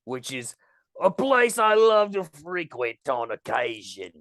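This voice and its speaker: Cheeky Cockney-accented male pop star, low and slow, played by a woman. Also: sing-song, fairly bright tone, no room sound, exaggerated voice. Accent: put-on Cockney. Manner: cheeky, drops low and drawls.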